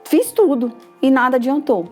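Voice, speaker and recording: A woman's voice: high-pitched, expressive, moderate pace, darkish tone, faint music behind. A young woman with a Brazilian Portuguese accent gives a personal testimonial, retelling events emotionally with quoted dialogue. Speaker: patient giving a testimonial.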